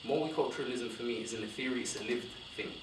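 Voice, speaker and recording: A young man speaks on a university panel in a discursive, animated way, circling back and correcting himself as he goes. His mid-range voice is picked up from across a roomy lecture hall with a steady hiss of noise underneath. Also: mid-range voice, fast talker, recorded from a distance. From born in Somalia, raised in West London. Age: young adult.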